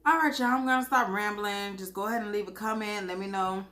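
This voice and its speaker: A woman chats casually to her viewers as a mukbang vlogger, eating crunchy fried chicken and drinking as she talks, in a folksy, expressive way with savoring hums. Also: medium pitch, fast talker. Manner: folksy, expressive, chuckles often.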